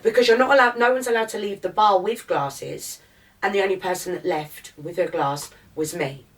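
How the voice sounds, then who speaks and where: A woman's voice: mid-range voice, normal speed, distant mic. Essex woman telling her story, swearing. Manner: animated, swears freely, retells in present tense. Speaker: podcast guest. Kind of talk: casual interview, recounting events.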